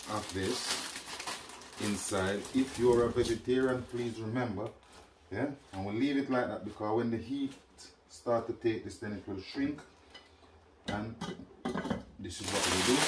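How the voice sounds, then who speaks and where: A middle-aged man hosts a casual cooking demonstration in a small home kitchen, talking chattily and checking in with "yeah?" and "you know what I mean?". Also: fairly low pitch. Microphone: camera mic at a distance. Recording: echoey kitchen, distant camera mic, noisy.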